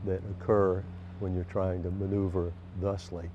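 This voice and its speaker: An older man giving halting, measured, formally worded eyewitness answers in an interview. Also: low-pitched, little pitch movement. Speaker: flight instructor and eyewitness. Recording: dull lo-fi field audio, outdoor noise.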